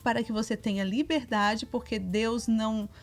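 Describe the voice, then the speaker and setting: Lively high-voiced woman. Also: normal speed. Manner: animated, acts out quoted dialogue with her children. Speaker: co-host.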